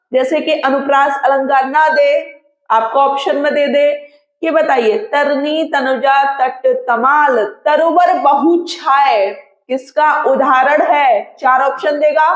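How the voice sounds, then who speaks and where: High-voiced woman teaching slowly. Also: roomy sound, lo-fi sound. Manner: drawn-out, patient explaining with frequent check-ins. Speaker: Hindi teacher. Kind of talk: exam-prep grammar lesson.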